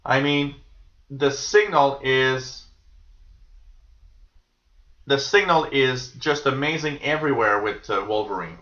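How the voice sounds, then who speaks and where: A man's voice: medium pitch, slow pace, pauses often, a bit bright. A man hosting a live shortwave tuning stream, talking casually and musingly as he relays listeners' signal reports. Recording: dull, echoey room sound.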